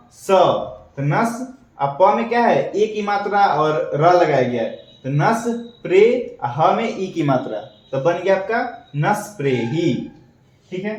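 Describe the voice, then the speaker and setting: A man teaching an online steno class, slowly spelling out letters and signs one by one. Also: high voice. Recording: echoey dull room audio, mic far off.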